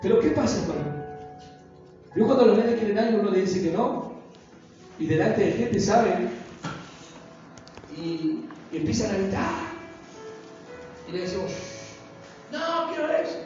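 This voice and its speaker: A man preaching a sermon in a very high voice for a man. He throws out rhetorical questions and slips into the voices of the people he quotes. The sound is distant and dull, with heavy church-hall echo and faint music. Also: unhurried, long pauses, mellow. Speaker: pastor. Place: church meeting room.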